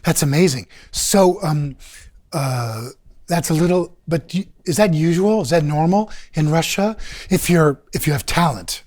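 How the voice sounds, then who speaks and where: A man's voice: a little high, lively intonation, a little slow, a little mellow. A middle-aged man hosting an interview show from a small studio, with friendly questions and brief acknowledgments. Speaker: host. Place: small studio set, seated indoors.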